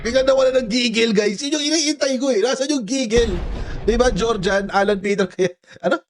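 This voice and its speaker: A man's voice: very high-pitched, fairly quick, slight background noise. A man commenting on a political clip, sarcastic and taunting, laughing at the speaker he mocks. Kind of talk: mocking commentary over clips.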